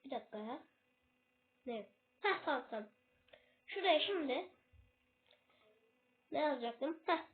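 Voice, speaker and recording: In a casual video lesson, a high-voiced, self-taught English tutor explains English words expressively but a little slowly, with long pauses. She hesitates, keeps losing her place, and stops to correct herself. Her voice comes through a thin, tinny, phone-like recording.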